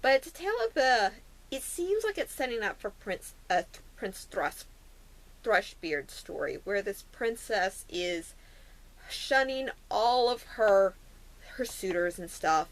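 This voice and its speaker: A woman vlogger chats to camera, casual and unscripted, retelling her favourite fairy tales in a playful, slangy way full of asides. Her mid-range voice has big pitch swings at a measured pace, and the recording is rough.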